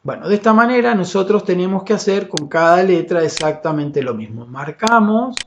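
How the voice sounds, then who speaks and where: A man teaching a software lesson over a screen recording, patient and explanatory, often checking in with his students and pausing on "eh". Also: high-pitched, expressive. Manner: patient, explanatory, frequent "¿sí?" and "fíjense" check-ins; filler "eh" and "este" between phrases. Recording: dull lo-fi audio with faint hiss.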